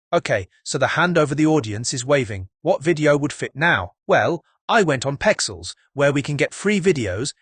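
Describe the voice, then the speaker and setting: A man's voice: medium pitch, fairly bright tone, husky, no echo. A man hosting a casual, step-by-step video tutorial, upbeat and chatty with jokey asides to his viewers.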